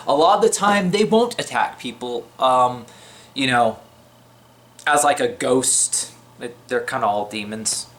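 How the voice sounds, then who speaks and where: Man, casual religious vlog talk, slightly shaky voice, middle pitch, loose with fillers. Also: animated, takes it slowly, fairly bright tone. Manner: chatty, unscripted, with many fillers and restarts.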